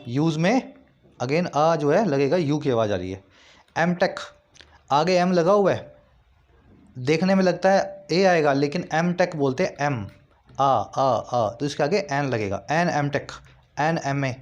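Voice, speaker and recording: Man teaching english grammar, higher voice. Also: darkish tone. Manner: patient, repeats key points, asks questions to the class. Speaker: English tutor. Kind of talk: explaining grammar to exam students.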